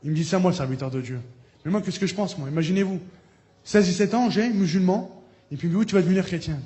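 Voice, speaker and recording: A man giving a spoken testimony as a preacher, telling his story, acting out the people he quotes and breaking into loud praise. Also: high-pitched, fast. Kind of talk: testimony sermon.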